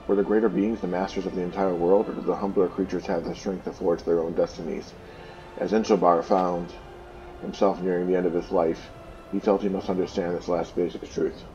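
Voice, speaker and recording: A man's voice: low voice, vocal fry, warm tone, dull audio. A man hosting a game playthrough, reading a book aloud plainly and stopping to explain things with casual fillers. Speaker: let's play host.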